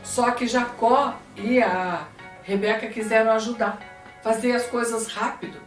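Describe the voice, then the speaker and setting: A woman with a Brazilian Portuguese accent telling a Bible story to children in an expressive, animated way. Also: fairly high pitch, measured pace. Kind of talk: storytelling lesson for kids. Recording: echoey room, distant mic, faint music.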